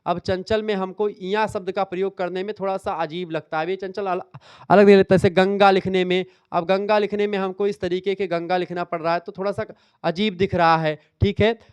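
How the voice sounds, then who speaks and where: A man's voice: sits high, fairly even intonation, fairly quick, smooth, dry recording. A man teaching an exam revision lecture, explaining step by step, repeating key terms and quizzing his students.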